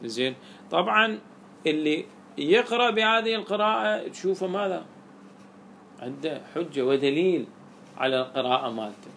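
A man's voice: on the high side, lively intonation, moderate pace, creaky, pauses often, fairly bright tone, a little hiss or hum. A man teaching a classroom lesson on Quranic readings, explaining step by step and quizzing his students with questions.

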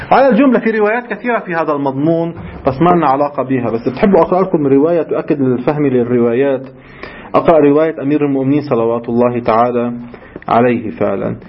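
A quick-paced man gives a religious lesson in a lively, conversational way. He keeps posing questions to his students and answering them at once. The recording sounds dull and muffled. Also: mid-range voice. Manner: asks rhetorical questions and answers them himself. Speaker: religious teacher. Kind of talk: seminary lecture in colloquial Levantine Arabic.

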